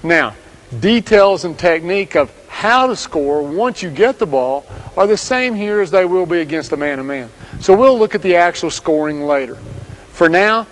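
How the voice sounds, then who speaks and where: High-voiced man narrating coaching tips. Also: poor audio. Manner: steady, direct coaching commands. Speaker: basketball coach. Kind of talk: scripted instructional narration.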